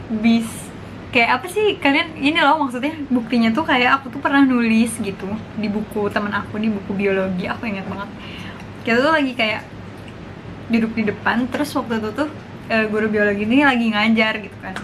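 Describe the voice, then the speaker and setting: A woman, chatting casually and informally to viewers as she eats, sometimes with her mouth full. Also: fairly high pitch. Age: 20s. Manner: talks while eating, mouth sometimes full; chatty, informal, slang and English interjections. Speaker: vlogger. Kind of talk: casual mukbang chat to viewers. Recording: clear background noise.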